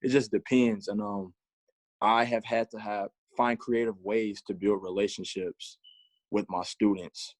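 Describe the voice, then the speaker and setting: Speaking as an interview guest, this gym teacher, a man in his mid twenties, reflects in a relaxed way and laughs lightly now and then. His pitch sits fairly low with a steady tone, and his pace is a little slow. There's no echo.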